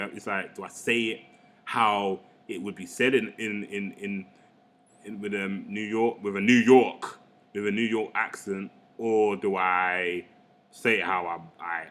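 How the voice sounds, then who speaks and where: A man's voice: low voice, flat delivery, moderate pace, sharp tone. A young Englishman, chatting casually and rambling with lots of slang while he works on a digital painting. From England. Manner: laid-back, slangy, rambling. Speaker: artist. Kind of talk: casual chat while drawing.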